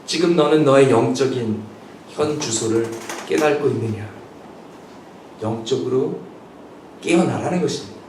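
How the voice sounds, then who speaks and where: A man's voice: mid-range voice, moderate pace, long pauses, a little mellow, slight background noise. A man preaching a Sunday sermon as pastor, earnestly acting out the questions and voices he quotes. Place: church sanctuary. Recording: echoey church hall picked up from a distance.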